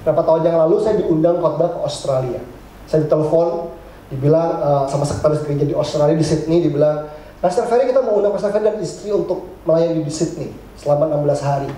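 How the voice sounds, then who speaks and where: A middle-aged male pastor giving a lively, joking sermon, acting out his congregants' complaints. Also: on the high side, fast talker, a little hiss or hum. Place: church hall. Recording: very echoey church hall.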